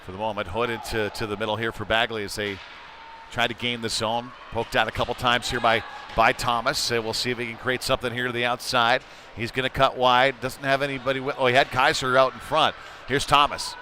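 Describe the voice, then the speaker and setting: A man delivers casual, conversational play-by-play for an amateur hockey game, growing excited when the action heats up. His voice is mid-range and brisk, with slight background noise.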